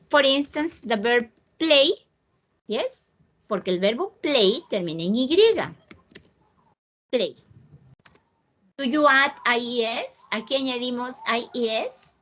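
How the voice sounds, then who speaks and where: Profesora de inglés de voz aguda y pausada. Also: female voice, a little high, fairly bright tone. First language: Spanish. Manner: slow, patient, switches between English and Spanish. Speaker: English teacher. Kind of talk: online English lesson.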